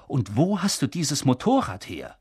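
A man voicing a calm, wise old male wizard who speaks mildly and in measured words. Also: mid-range voice, husky, no echo, studio quality, full character voice.

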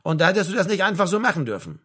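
A man reading an audiobook, voicing an agitated young man who accuses and shouts at his flatmate. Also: high voice, very fast, breathy edge, voice pushed up, full character voice. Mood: bitter, accusing. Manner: shouting, hurt, jabbing.

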